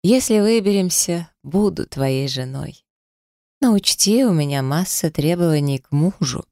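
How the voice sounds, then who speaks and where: A storyteller voicing a playful young female snow witch who teases and gets excited. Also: mid-range voice, a little slow, no room sound, studio quality. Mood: teasing. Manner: teasing, excited.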